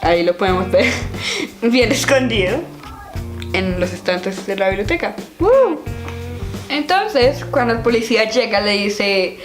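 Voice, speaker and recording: A woman's voice: medium pitch, a little slow. Chatty young woman vlogging with music behind. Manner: animated, chatty, giggly. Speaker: vlogger reviewing a children's book. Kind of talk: casual book-review vlog. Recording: echoey room with background music.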